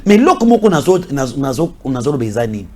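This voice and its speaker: With a warm, mid-range, sing-song voice and a quick pace, a Congolese commentator gives a heated political talk. He blends French and Lingala and repeats himself emphatically.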